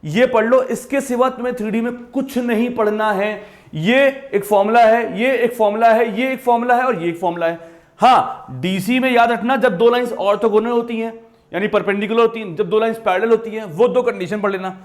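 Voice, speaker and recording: Very high-voiced man teaching maths. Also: a little fast. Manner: emphatic, repetitive, addresses students directly. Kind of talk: exam-prep lesson.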